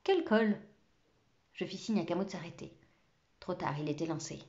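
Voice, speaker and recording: A woman reading a children's novel aloud in a lively, expressive storytelling manner. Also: lowish voice, quick pace, highs cut off. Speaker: reader.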